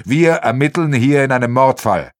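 A man's voice: medium pitch, expressive, normal speed, close to an everyday voice. A man playing a firm, self-assured investigator who gives curt commands. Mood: stern.

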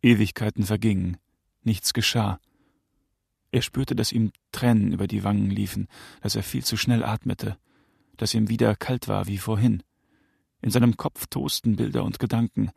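Male audiobook narrator, gravelly, measured and tense, dry studio sound. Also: fairly low pitch, fairly even intonation, a little mellow, no echo. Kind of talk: audiobook narration of a crime novel.

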